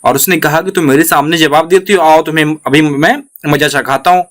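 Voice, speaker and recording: A man reading the lines of a proud, angry male lion from a children's storybook in a gruff, threatening manner. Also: on the high side, steady tone, brisk, a bit bright, close to an everyday voice. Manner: gruff threats, later weary surrender.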